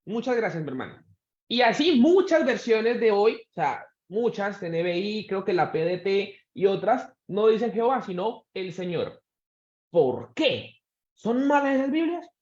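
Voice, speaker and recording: A man with a fairly high, very animated voice gives a church Bible lesson. He keeps asking his students questions and slows his words to make a point. The recording is roomy and a little muffled. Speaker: Bible teacher. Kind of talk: church Bible class lecture. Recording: echoey room, dull sound.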